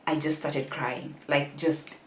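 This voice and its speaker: A woman's voice: low voice, flat delivery, slow pace. A Kenyan woman vlogger telling a personal story candidly and emotionally, laughing often as she tells it. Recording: echoey room.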